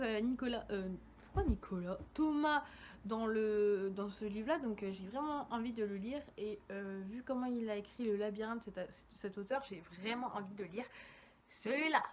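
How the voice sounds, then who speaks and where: A chatty young woman talks through a pile of books, rambling and correcting herself as she goes. Her voice sits fairly high, with a faint hiss of noise underneath. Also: moderate pace. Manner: chatty, rambling, lively, many fillers and self-corrections. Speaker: book vlogger. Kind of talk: casual chat.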